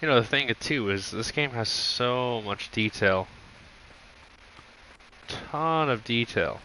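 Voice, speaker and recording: A tired man recovering from illness, talking through laid-back gameplay commentary in a deliberately monotone, subdued way. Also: medium pitch, slight background noise, low-quality recording. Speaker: gaming streamer.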